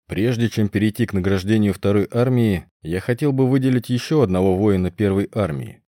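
A man's voice: lowish voice, fairly quick, warm tone, no room sound, studio quality, lightly acted. A man voicing a commanding middle-aged male governor who speaks in a formal, proclaiming way.

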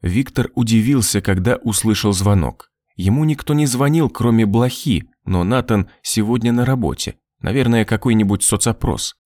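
A man narrating an audiobook in a steady, measured reading. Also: on the low side, no room sound. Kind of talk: scripted narration.

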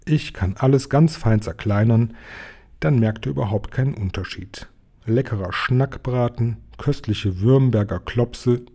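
A man's voice: mid-range voice, unhurried, mellow, husky. A man voicing a worried, complaining mother who has been turned into a bird. He raises his voice a little for her whiny lament. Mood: soothing.

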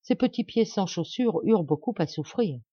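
Mellow-voiced woman reading a fairy tale. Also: mid-range voice, animated, dry recording, muffled recording. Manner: clear, measured reading. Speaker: volunteer audiobook reader. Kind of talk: storybook narration.

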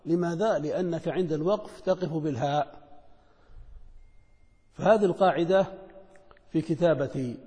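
A man explains a lesson step by step, asking questions and then answering them. His voice sits a little high and sounds warm and mellow. A long reverb trails each phrase, as in a hall. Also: moderate pace, long pauses. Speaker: teacher.

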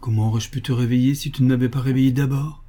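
A man's voice: medium pitch, steady tone, quick pace, dark tone, natural voice. A man reading aloud voices a rude, quarrelsome young man in the story. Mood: grumbling.

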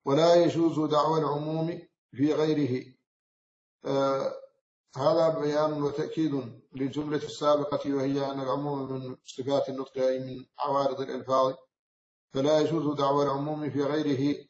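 A man from Mauritania, an Islamic scholar, giving a measured explanatory lecture on a classical text, often pausing and correcting himself. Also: mid-range voice. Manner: measured, explanatory, with frequent self-corrections and hesitations. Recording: roomy, slightly dull recording.

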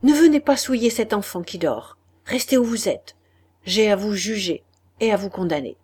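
A woman's voice: mid-range voice, huge pitch swings, unhurried, warm tone. A woman voicing a vehement heartbroken young lover. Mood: anguished accusing. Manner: raised, vehement, trembling.

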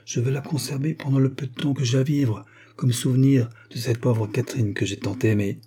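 A man's voice: medium pitch, steady tone, a little fast, mellow, slightly rough, pitched above the performer's own voice, natural voice. A man voicing a scheming baron who poses as an old priest, with a quavering voice and feigned grief.

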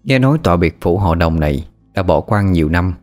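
A man narrating a scripted ghost story in an expressive, suspenseful reading. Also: sits low, a little fast, faint music behind.

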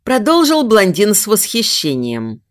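A woman narrating a first-person fantasy novel as an audiobook, telling it in an expressive storytelling way. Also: mid-range voice, measured pace.

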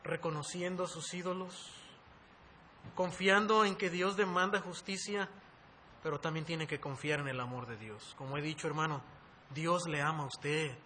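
A man preaching a sermon, who rises to loud, intense emphasis and calls his listeners brothers. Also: normal speed, a little hiss or hum. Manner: rising to loud, high-pitched emphasis, addresses listeners as brothers.

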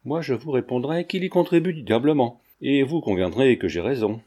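A man voicing a sly, teasing young gentleman in a mocking tone, reading a French novel as an audiobook. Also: mid-range voice, lively intonation, normal speed, natural voice.

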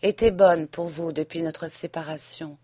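A woman reading an audiobook and voicing a passionate young wife who pleads and then reproaches, a little higher and louder than her narration. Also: steady tone, moderate pace, breathy edge, no echo, clean studio sound. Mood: tender. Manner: impassioned, rising to reproach. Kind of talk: audiobook reading of a classic novel.

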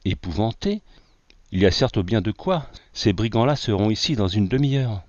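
A man's voice: lowish voice, expressive, moderate pace, a little mellow, no room sound. A man voicing a frightened young male settler who urgently warns of danger. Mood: alarmed. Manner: alarmed, urgent warnings. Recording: dull lo-fi, dry.

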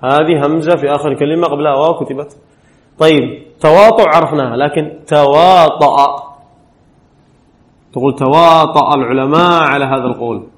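A man's voice: on the high side, fairly even intonation, fast. A man teaching a classroom lesson on Arabic spelling rules, reading a rule aloud and quizzing his students with frequent short questions. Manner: reads a rule text aloud, then explains. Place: classroom at an Islamic studies center.

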